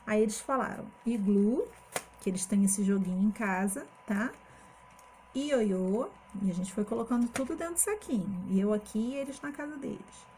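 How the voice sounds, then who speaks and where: A woman's voice: mid-range voice, expressive, moderate pace, a little mellow, a little hiss or hum. A woman teaching first grade from home, explaining a classroom game step by step and checking in with her listeners. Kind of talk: recorded online class explanation.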